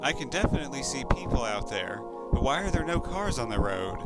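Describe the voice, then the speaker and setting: A man's voice: mid-range voice, big pitch swings, a little fast, loud music behind the voice. A man voicing a worried teenage boy. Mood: panicked. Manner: tense and worried. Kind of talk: horror story reading.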